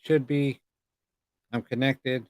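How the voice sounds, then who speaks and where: A man hosting a casual live ghost hunting session, talking informally and haltingly and putting questions to spirits. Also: medium pitch, little pitch movement, darkish tone, smooth, no echo, clean studio sound.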